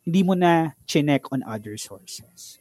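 Lively Filipino man co-hosting a podcast. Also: fairly high pitch, unhurried, no room sound. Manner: chatty, mixing English into Tagalog. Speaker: podcast co-host. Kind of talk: casual podcast chat.

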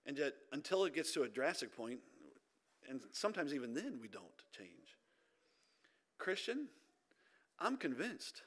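A man preaching a sermon as pastor in a church, emphatic, swinging between loud urging and quiet intensity. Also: high voice.

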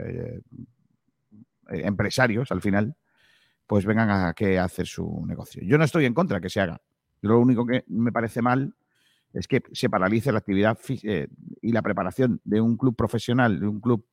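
A man hosting a sports radio show in a casual, colloquial, halting conversational way. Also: fairly low pitch, gravelly, dry recording, studio quality. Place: stadium press room.

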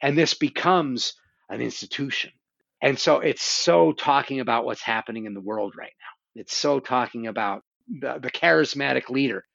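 Gravelly man enthusing about horror. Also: mid-range voice, moderate pace, no echo, muffled recording. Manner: animated storytelling with swearing. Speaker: podcast host. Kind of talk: casual conversation about horror films.

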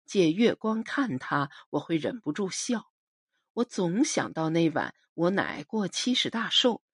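A woman reads a novel aloud in a measured, expressive storytelling manner. Her low, husky voice rises and falls with lively shifts of pitch, recorded dry and close. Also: dry recording. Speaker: narrator. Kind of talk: audiobook novel narration.

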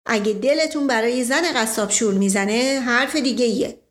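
A woman's voice: on the high side, close to an everyday voice. A woman voicing a stern middle-aged nobleman who speaks sharply and indignantly.

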